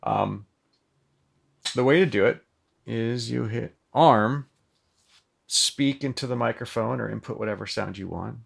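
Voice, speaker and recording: Here the synth demonstrator has a mid-range, gravelly, husky voice, speaking a little slowly with long pauses. His demo is casual and talkative, loosely phrased and heavy on ums, recorded via a mic connected to the synth.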